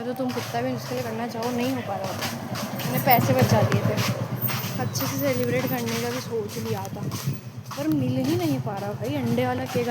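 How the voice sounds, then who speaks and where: A young woman vlogging casually on her phone, chatting straight to her viewers and laughing often. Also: a little high. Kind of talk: casual vlog chat. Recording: loud background noise.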